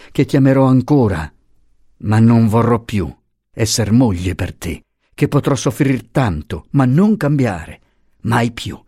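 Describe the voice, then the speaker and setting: A man voicing a hurt, pleading young wife, speaking with raised, impassioned pitch. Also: dark tone, husky, dry recording, studio quality, heavily acted.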